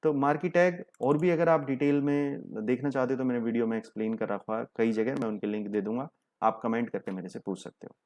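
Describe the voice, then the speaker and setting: A man's voice: mid-range voice, fairly even intonation, fairly quick, a little mellow. A young man, teaching a coding lesson step by step and mixing English terms into his Hindi. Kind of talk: screen-share coding tutorial.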